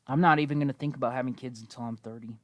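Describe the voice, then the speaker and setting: A gaming video host in his twenties rambles through casual gameplay commentary, laid-back and prone to swearing, a little wheezy as he comes down with a cold. His medium-pitched voice holds a steady tone at a racing pace. The clean studio recording has no room sound.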